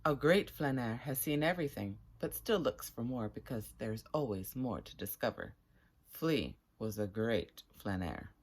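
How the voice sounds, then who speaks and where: Reading from a children's story and chatting with her audience, this woman speaks in a low, rumbling, husky tone. Her phrasing is measured and full of expression.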